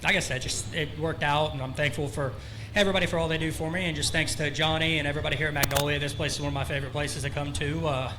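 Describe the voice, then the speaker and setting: A man's voice: fairly high pitch, steady tone, quick pace, background noise. A man who just won a race, out of breath, rambling loosely in a post-race interview with lots of fillers at an outdoor dirt track. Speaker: winning race driver.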